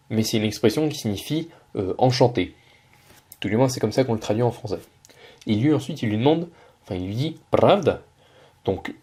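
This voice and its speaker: A man's voice: fairly low pitch, dark tone, slightly rough. A man teaching Russian in French, patiently breaking down a video line by line with frequent hesitations. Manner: patient, many hesitations and self-corrections. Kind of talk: explaining a video lesson.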